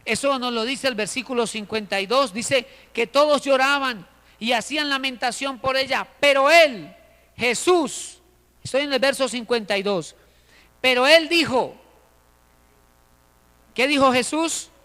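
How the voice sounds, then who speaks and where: A man's voice: very high-pitched, measured pace, bright, forceful tone, big-room sound. A man preaching a sermon as a pastor, calling his listeners brothers and pressing his points with rising emphasis.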